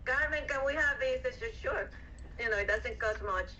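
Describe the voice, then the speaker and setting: A woman from Venezuela chatting on a video call, talkative and quick to laugh. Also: fairly high pitch, sharp tone, slight background noise. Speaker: club founder. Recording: distant dull video call audio.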